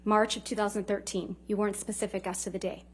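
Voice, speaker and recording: A woman's voice: mid-range voice, little pitch movement, fast, breathy edge. Casting: female courtroom lawyer, cross examination style, pointed and clipped, leading questions.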